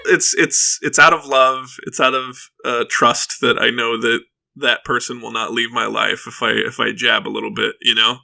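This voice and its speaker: A man's voice: medium pitch, little pitch movement, normal speed, vocal fry, pushed and bright. A man co-hosting a casual podcast, joking around. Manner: joking, laughs easily. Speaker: podcast co-host.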